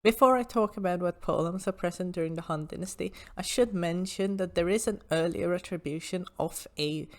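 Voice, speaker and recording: A woman's voice: lowish voice, brisk, few pauses. A woman hosting an informal explanatory history talk, with hesitant asides as she explains.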